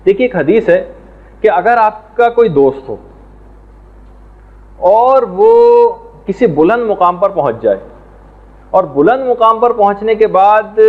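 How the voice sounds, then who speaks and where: A man teaching a religious lesson in a measured, explanatory way, now and then reciting Arabic prayers and verses. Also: sits high. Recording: tinny phone-like sound.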